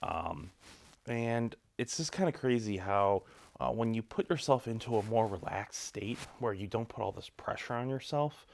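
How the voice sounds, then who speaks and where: A young man talking to camera in a cold home garage, giving relaxed, rambling advice with lots of ums and likes. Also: on the low side, normal speed, creaky, a little hiss or hum. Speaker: vlogger. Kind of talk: casual advice talk to camera.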